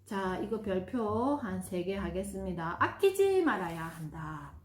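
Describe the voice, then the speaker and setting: A woman's voice: medium pitch, very animated, measured pace. A woman in her fifties giving a parenting lesson, partly reading from a book and acting out gushing praise for children. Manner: warm, demonstrative, acts out gushing praise in bursts. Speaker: parenting educator. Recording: roomy echo.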